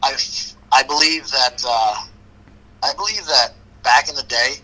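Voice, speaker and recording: A man's voice: mid-range voice, measured pace, sharp tone, rough recording. A man, a longtime motocross racer, talking bluntly and with many restarts in a casual podcast chat.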